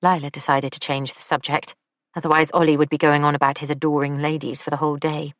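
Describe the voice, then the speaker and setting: A woman narrating an audiobook in an even, measured way on a close studio mic. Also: sits low, no room sound. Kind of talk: scripted narration.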